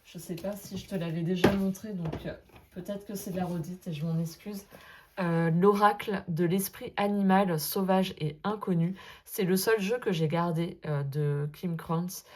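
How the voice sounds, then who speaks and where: A woman talking casually to her viewers about her tarot cards, full of hesitant fillers and gentle asides. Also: fairly low pitch, steady tone, moderate pace. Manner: hesitant, many filler euhs, gentle and self-deprecating. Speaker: sophrologist and tarot vlogger. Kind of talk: casual spoken vlog, addressing viewer as tu.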